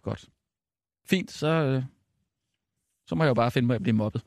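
An actor playing a defensive, flustered male radio colleague in satirical comedy, halting and insistent, prone to swearing. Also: mid-range voice, vocal fry, dry recording, lightly acted. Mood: insistent, aggrieved.

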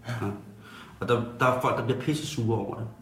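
A man playing a tactless, halting radio host. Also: medium pitch, fairly even intonation, fairly bright tone, slight background noise, close to an everyday voice. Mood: explaining. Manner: halting, full of ums and restarts. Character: tactless male radio host who blurts dark jokes. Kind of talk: satirical talk-radio banter. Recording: roomy studio echo.

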